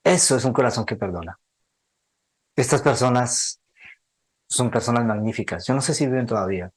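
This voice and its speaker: A man teaching a theology seminar, telling a story in an earnest, emotional, sermon-like way and slowing down for emphasis. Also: medium pitch.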